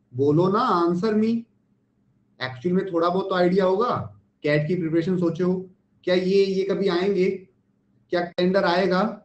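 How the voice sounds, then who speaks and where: Animated Indian man teaching online. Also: sits high. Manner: rhetorical questions, mixes Hindi and English. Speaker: online test-prep teacher. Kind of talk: live online class lecture. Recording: echoey, dull lo-fi stream.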